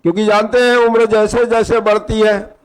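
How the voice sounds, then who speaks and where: A man's voice: sits high, level tone, moderate pace, clean tone, poor audio. A male teacher giving an exam-prep lecture with a Hindi accent, quizzing his students and repeating the key terms.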